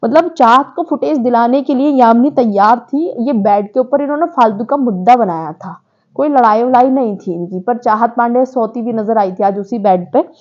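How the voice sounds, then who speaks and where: A woman's voice: on the high side, moderate pace, darkish tone, muffled recording. A woman giving a chatty, opinionated recap of a reality show, talking straight to her viewers. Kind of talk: casual recap commentary.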